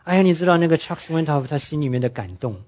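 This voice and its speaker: Earnest preacher man, slightly high voice. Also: expressive, a little mellow. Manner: earnest storytelling preacher, drops English words into speech; slows down and drops his voice to stress key points. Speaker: pastor. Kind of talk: sermon.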